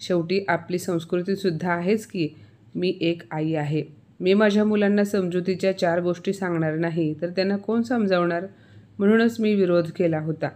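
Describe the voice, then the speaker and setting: A woman narrating a scripted family story, reading every character's lines in one steady voice. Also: lowish voice, moderate pace.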